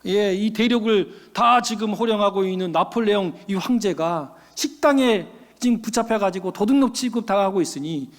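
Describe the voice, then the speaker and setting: A male pastor preaching a sermon, telling a story in an animated way and acting out the characters' voices. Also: high voice, moderate pace, few pauses. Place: church sanctuary. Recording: long church-hall reverb.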